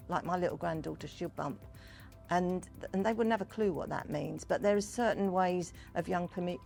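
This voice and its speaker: An older woman talks in a low voice with a gravelly edge. She tells things in a chatty, wandering way, as in an informal interview, with music behind her. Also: darkish tone. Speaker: Pearly Queen and community fundraiser, interviewee. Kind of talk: informal interview talk about history and culture.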